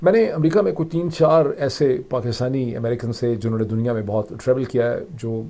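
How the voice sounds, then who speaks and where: A man's voice: mid-range voice, a little fast, warm tone. A middle-aged man from Pakistan with a Pakistani Urdu accent, hosting a solo political commentary and explaining events emphatically, slipping English phrases into his Urdu. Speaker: political analyst and host.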